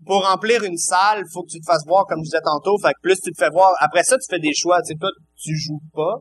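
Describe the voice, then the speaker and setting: A Québécois French man explaining his thinking in a relaxed podcast conversation. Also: sits high, fast talker, slight background noise. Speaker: comedian guest. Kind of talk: casual podcast chat.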